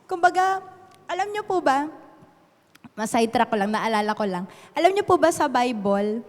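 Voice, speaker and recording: A woman's voice: fairly high pitch, in a large hall. A young Filipino woman preaching a casual Taglish sermon, often asking "di ba?" and laughing lightly.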